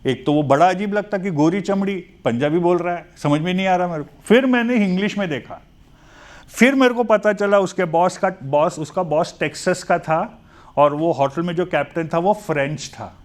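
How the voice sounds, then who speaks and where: A high-pitched male teacher with an Indian accent gives a chatty, joking lecture in a classroom. He moves between Hindi and English and slows down to dictate English phrases.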